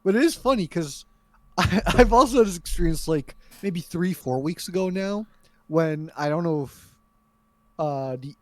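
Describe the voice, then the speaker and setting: A man's voice: on the high side, expressive, unhurried, darkish tone, dry recording. A young man co-hosting a podcast, bantering in slangy, profane talk. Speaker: podcast co-host. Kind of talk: casual chat.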